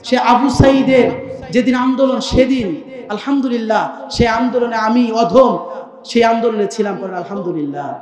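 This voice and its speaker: A young male preacher from Rangpur with a strikingly high voice delivers a fervent sermon. He chants his phrases in a sing-song cadence and rises to loud shouts, calling on the crowd to answer. The sound rings through a roomy, echoing public-address setup. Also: brisk. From Rangpur, Bangladesh. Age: young adult. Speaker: Islamic preacher. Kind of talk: fiery sermon at a religious gathering.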